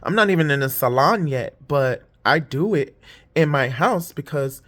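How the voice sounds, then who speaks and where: A tired woman telling a long story in a rambling, candid way, swearing freely and jumping up in pitch whenever she quotes someone. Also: expressive, normal speed. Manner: jumps high when quoting others; putting on false lashes while talking. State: tired, yawning. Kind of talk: casual storytime monologue.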